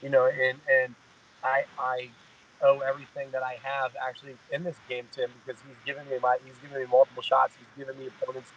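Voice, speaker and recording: A man's voice: medium pitch, completely flat delivery, fast, a bit bright, lo-fi sound, a little hiss or hum. A man in his mid-thirties, a fighter, talking in a casual interview, rambling and repeating "you know what I mean". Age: 30s. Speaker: guest fighter.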